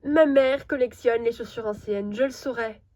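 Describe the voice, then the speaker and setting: A woman's voice: fairly high pitch, close to an everyday voice. Woman doing a jumpy, easily scared teen girl. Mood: nervous. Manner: excitable, quick to panic.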